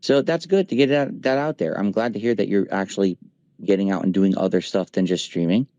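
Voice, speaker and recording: A man's voice: on the low side, a little fast, warm tone, no echo, muffled recording. A man in his forties in a casual voice chat, talking emphatically and venting with profanity. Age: 40s. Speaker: streamer. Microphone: voice chat mic.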